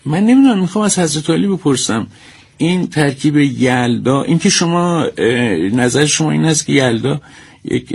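A man hosting, politely asking an expert long musing questions with pauses. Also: medium pitch, breathy edge.

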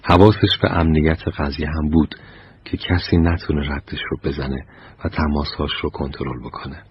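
A man with an extremely low, deep voice tells short stories in a measured, unhurried way. His phrases often drop away softly at the end. The recording sounds a little dull and muffled, with faint noise behind him. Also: steady tone. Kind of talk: scripted narration of short anecdotes.

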